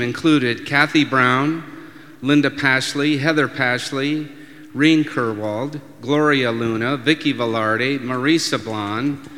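Bright-voiced man announcing in echoing church. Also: mid-range voice. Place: large reverberant church. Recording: long church reverb.

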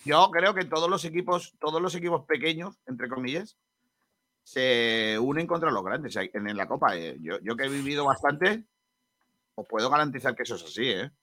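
A man's voice: mid-range voice, animated, moderate pace, sharp tone, no echo. A man hosting a casual sports talk show, joking and reading viewer comments aloud. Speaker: host.

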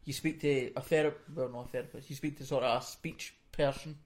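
A man's voice: mid-range voice, steady tone, a little fast. A man with a Fife Scottish accent chats casually and bluntly as a music critic, swearing and mumbling as if barely opening his mouth. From Fife, Scotland. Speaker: music critic on a hip hop review show. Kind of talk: casual chat.

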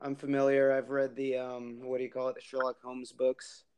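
A man's voice: medium pitch, completely flat delivery, normal speed, a little mellow, clear, resonant tone. A man co-hosting a casual podcast, making dry, joking asides. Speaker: podcast co-host.

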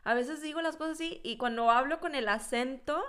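A woman's voice: high-pitched, brisk, fairly bright tone. Chatty woman with a Mexican accent. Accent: Mexican Spanish. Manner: chatty, self-deprecating, many fillers like "o sea". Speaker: language learner. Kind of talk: casual conversation.

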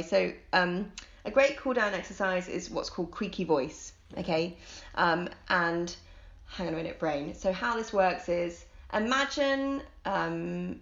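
A woman's voice: lowish voice, fairly bright tone. A woman, a vocal coach, explaining voice care in an upbeat, coaching manner on a podcast. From United Kingdom. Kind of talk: podcast conversation. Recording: dull lo-fi sound.

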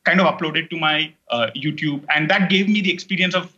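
Speaking briskly in a casual interview, a middle-aged Indian man who makes online courses uses Indian English, with Telugu as his native language. His voice sits high and sounds sharp, the sound is lo-fi, and he rambles with many fillers and restarts.

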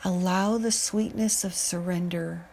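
A woman guiding a meditation, speaking in a calm, soothing way with long pauses. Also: on the low side, vocal fry, a little hiss or hum, low-quality recording. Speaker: meditation guide. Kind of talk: guided meditation narration.

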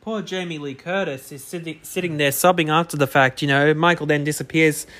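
A man's voice: a little high, fairly even intonation, brisk, a bit bright. A man co-hosting a podcast, casually recapping a horror film with jokes and casual swearing. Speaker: podcast co-host.

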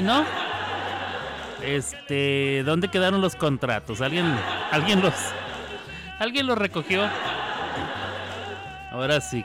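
A man with a Mexican accent hosting a radio show, chatting playfully and teasing listeners as he reads their comments. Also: fairly high pitch. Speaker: radio host. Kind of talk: casual radio chat. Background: music.

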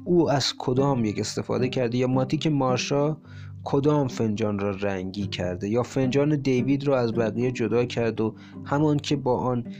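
A man reads a translated short story in a measured, steady audiobook voice of middle pitch. Soft plucked guitar runs quietly under his narration throughout. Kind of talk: scripted narration. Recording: faint guitar music bed. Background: soft guitar music.

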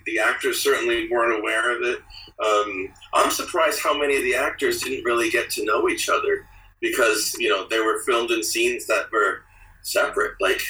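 A man's voice: medium pitch, pushed and bright, recorded from a distance, low-quality recording. A man, an author being interviewed, talking casually with many fillers and restarts.

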